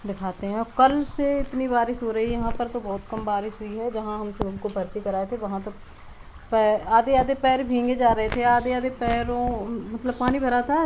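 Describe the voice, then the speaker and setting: A woman's voice: medium pitch, a little mellow, a little hiss or hum, low-quality recording. Chatty woman vlogging from home. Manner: chatty, rambling, many fillers. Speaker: village vlogger. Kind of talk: casual vlog narration. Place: rural home, rain outside.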